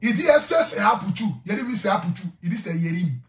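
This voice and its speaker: A man's voice: sits high, expressive, quick pace, a bit bright, roomy sound. Laughing man telling a story. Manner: laughing often, repeats lines for effect. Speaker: social media influencer. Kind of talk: animated storytelling to camera.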